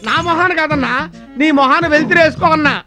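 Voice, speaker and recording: A man with a very high, squeaky voice doing slapstick film comedy, loud and whiny, yelping and groaning as if in pain. Film score music plays clearly behind him throughout the scene. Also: very fast. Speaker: comic film character.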